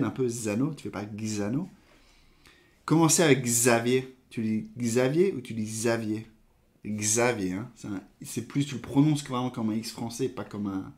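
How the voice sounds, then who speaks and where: Homme, animateur de live coding, pense à voix haute, hésitant, voix moyenne, frappe au clavier en fond. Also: male voice, medium pitch, a little mellow. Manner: thinking aloud, hesitant, trailing off.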